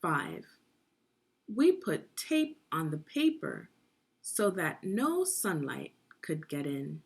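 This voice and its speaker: A slightly husky-voiced woman reads a children's science book aloud to young learners in the manner of a teacher. Her pace stays unhurried while her pitch swings lively as she explains things and prompts her listeners with questions.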